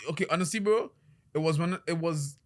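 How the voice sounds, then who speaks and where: This is a young man from Trinidad with a fairly high, fairly quick voice. He hosts a laid-back podcast, telling animated stories and frequently laughing and starting over.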